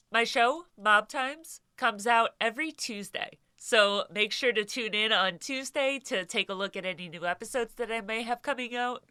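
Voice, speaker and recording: A woman narrates true crime casually, like a chatty host talking to regular viewers. Her voice is bright and forward but clearly congested, with the blocked, nasal sound of a head cold. The sound is dry, with very little room around it. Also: medium pitch, no echo. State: sick with a stuffed nose.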